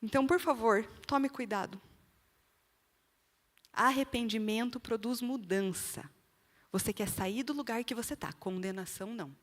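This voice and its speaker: A woman with a Brazilian accent delivers a church testimony in an earnest sermon style, often speaking straight to her listeners. Her voice sits a little high for a woman. A long reverb from the church hall trails each phrase. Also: normal speed, long pauses. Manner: earnest, direct appeals to the listener.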